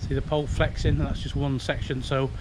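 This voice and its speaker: Heavy background noise surrounds this British hobbyist in his fifties as he talks fast in a medium-pitched voice with little pitch movement. Recorded on a handheld camera or phone outdoors by a house in the breeze, his show-and-tell is chatty, rough and wandering.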